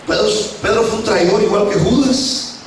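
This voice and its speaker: A man's voice: high voice, moderate pace, slight background noise. A male pastor preaching a sermon with dramatic storytelling and acted quotes, heard from far off in an echoey hall.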